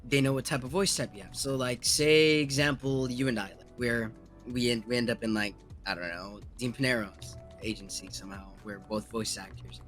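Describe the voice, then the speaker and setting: A man's voice: mid-range voice, steady tone, moderate pace, a bit bright, faint music behind. A man guest chatting casually about voice acting, rambling with many fillers. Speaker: guest, aspiring voice actor. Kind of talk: casual interview chat.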